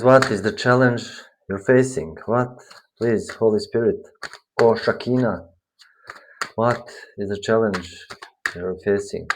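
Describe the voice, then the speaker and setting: A man giving a spiritual tarot reading, slow and meandering, often searching for his words. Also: fairly low pitch, noisy background. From Bosnia. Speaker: tarot reader.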